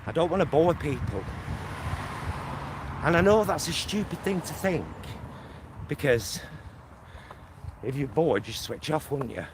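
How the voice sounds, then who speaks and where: Walking down a suburban road and filming himself, this middle-aged man from England speaks with a Greater Manchester accent in a slightly high voice with lively intonation. He talks to camera at a measured pace, pausing often, chatty and rambling with camp endearments, while traffic and street noise is loud.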